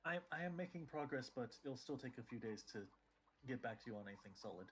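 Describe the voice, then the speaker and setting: A man's voice: medium pitch, lively intonation, quick pace, breathy edge. A man voicing a busy, polite female mage who speaks apologetically. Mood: apologetic.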